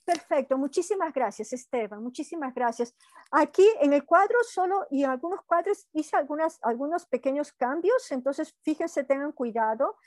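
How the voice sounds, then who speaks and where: A Peruvian woman of Quechua heritage who lives in Brazil gives an online university lecture over a video call, keeping it conversational and often adding "¿no?" to check in with students. Her high voice is a little mellow, with lively intonation at normal speed. There's no echo.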